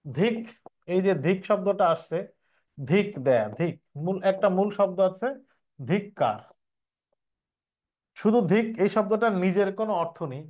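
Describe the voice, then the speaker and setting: A man's voice: high voice, expressive, normal speed, pauses often, darkish tone. A young man, teaching an exam preparation class and explaining step by step, repeating each question before answering it.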